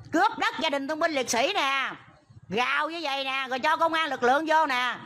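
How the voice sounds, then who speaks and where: A middle-aged woman with a Mekong Delta Southern Vietnamese accent livestreams from a roadside by a school, protesting a land dispute in a high, bright, forceful voice. She pleads agitatedly, repeatedly saying "there" to point things out.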